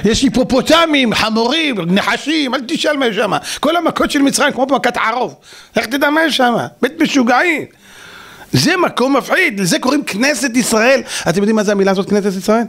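Male rabbi preacher: high-pitched, very animated, mocking, full of rhetorical questions. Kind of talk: sermon.

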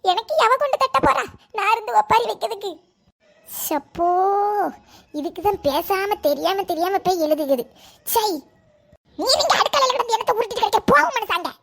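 A woman's voice: very high voice, expressive, a little fast, creaky, pauses often, fairly bright tone, full character voice. A woman voicing a scolding middle-aged village mother. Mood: exasperated.

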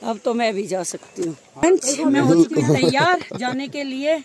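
A woman travel vlogger chatting excitedly and teasing others outdoors at a hill adventure spot. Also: high voice, normal speed. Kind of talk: casual vlog chat. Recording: crowd chatter behind.

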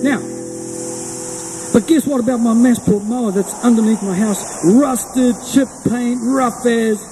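High-pitched broad Kiwi bloke, long reverb. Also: male voice, fairly even intonation, a little slow. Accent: broad New Zealand Kiwi. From New Zealand. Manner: colloquial, chatty, exclaiming. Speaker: musician entertainer. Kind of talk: folksy stage patter between sung lines. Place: outdoors on a hilltop above the sea. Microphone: microphone on a stand. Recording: outdoor mic with long reverb and music behind. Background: guitar music.

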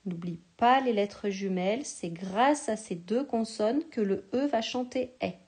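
A woman teacher giving a slow, patient spelling lesson to a young child, sounding out each syllable with care. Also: mid-range voice, darkish tone.

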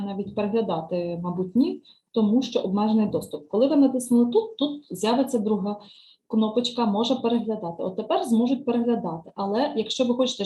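A woman teacher trainer giving a step-by-step screen-share software tutorial, patiently explaining each click and lesson task and often checking "right?". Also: fairly high pitch, rough recording.

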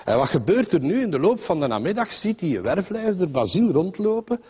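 A man's voice: high voice, very animated, a little fast, husky, dull audio. A man with a Flemish accent telling a comic story in a rambling, chatty way, full of fillers and voices of the people in it. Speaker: comedian.

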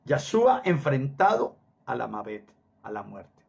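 A man's voice: medium pitch, big pitch swings, unhurried, creaky, a little mellow, husky. A middle-aged man preaching a sermon emphatically, repeating phrases for stress and dropping Hebrew words into his talk.

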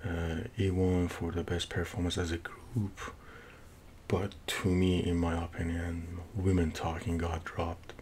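A middle-aged man from Iran with a thick Persian, Middle Eastern accent, giving a casual movie review in a halting way, searching for words. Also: completely flat delivery, darkish tone. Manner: halting, searching for words with repeated false starts. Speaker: film reviewer. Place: small home office, indoors. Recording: noisy room recording with low rumble.

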